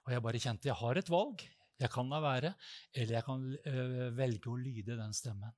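A man preaching a sermon, telling stories and acting out prayers with loud, high-pitched cries. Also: no room sound, studio quality.

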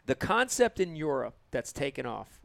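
A man's voice: medium pitch, big pitch swings, moderate pace, gravelly, a bit bright, no room sound. A man who hosts a fishing show, chatting casually and enthusiastically and repeating himself for emphasis. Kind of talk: casual group chat about fishing.

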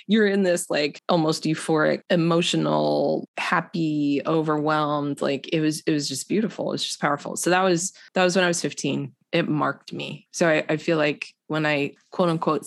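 A woman's voice: sits low, creaky, no echo, clean studio sound. A woman, a podcast guest telling her story in a casual chat and acting out the voices of other people. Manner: animated storyteller acting out quotes. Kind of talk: casual testimony conversation.

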